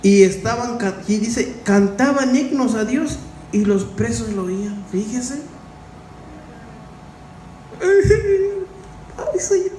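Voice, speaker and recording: A man's voice: high voice, a little slow, darkish tone, distant mic. A man preaching an informal Bible-study sermon, chatting with the listeners and often asking them questions. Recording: roomy echo with faint background noise.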